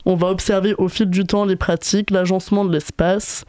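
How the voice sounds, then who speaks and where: A young woman with a voice affected by a sore throat, presenting a scripted podcast segment in a lively, tongue-in-cheek way. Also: mid-range voice, a little fast, dry recording.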